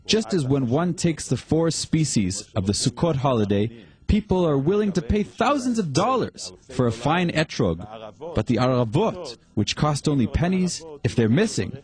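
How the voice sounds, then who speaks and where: An older man giving an animated, explaining documentary interview. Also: medium pitch.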